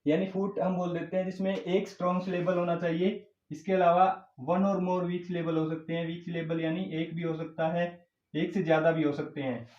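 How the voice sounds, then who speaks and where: A man teaching an English grammar class, explaining slowly and repeating terms, mixing English words into his Hindi. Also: high-pitched, little pitch movement, a little mellow. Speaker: English tutor. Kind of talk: classroom lecture. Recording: echoey room, dull lo-fi sound.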